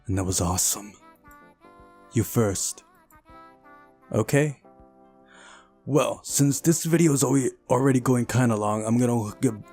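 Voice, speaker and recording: A let's play host with a lowish, slightly mellow voice runs a visual novel playthrough, reading the narration aloud and dropping in casual commentary.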